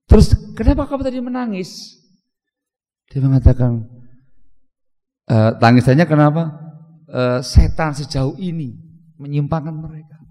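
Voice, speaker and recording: A man preaching a sermon, telling a story in a lively way that swings from loud emphasis to hushed asides. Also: a little high, unhurried, long pauses. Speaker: Islamic preacher. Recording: long hall reverb.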